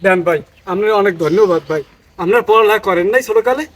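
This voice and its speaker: A man's voice: sits high, fast, a little hiss or hum, natural voice. An actor playing a simple, panicky village woodcutter who stammers as he speaks. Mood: flustered. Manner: flustered, stammering. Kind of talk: comic folk-tale acting.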